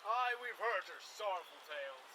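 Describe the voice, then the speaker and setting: A man's voice: high-pitched, expressive, moderate pace. A man playing a domineering, bullying tax-collecting soldier in an outdoor stage play. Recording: distant, very noisy outdoor stage recording.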